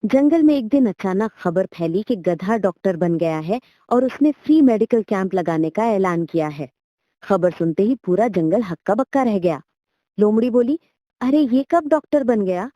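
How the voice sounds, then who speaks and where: A woman telling a funny children's story about animals in a lively, light comic way, as scripted narration. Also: mid-range voice, moderate pace, no echo, highs cut off.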